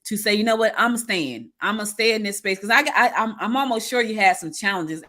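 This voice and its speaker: A woman's voice: mid-range voice, a little fast. Chatty woman hosting an interview. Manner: animated storyteller, many restarts. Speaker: interview host. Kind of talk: casual interview chat.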